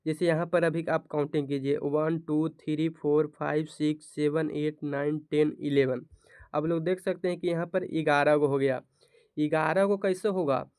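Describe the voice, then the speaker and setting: Male teacher, slightly high, smooth voice, asks and answers his own questions, close dry mic. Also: steady tone, moderate pace, a little mellow, no echo. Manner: repeats each question and answers it himself. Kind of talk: grammar lesson for board exam students.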